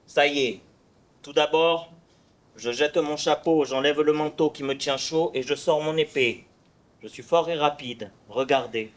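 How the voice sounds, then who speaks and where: Brief: male actor as a boastful big-nosed poet swordsman on stage, high voice, slow and hesitant delivery. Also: lightly acted. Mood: defiant. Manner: proud, teasing, theatrical recitation with hesitant fillers. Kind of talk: amateur stage play performance.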